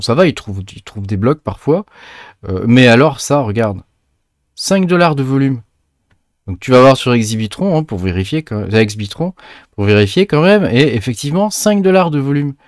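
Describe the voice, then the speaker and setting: A man's voice: mid-range voice, dry recording, clean studio sound. A man hosting a casual screen-share tutorial, chatty and hesitant, with many filler sounds and restarts as he talks viewers through each step. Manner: chatty, addresses viewers directly. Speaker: crypto mining tutorial host.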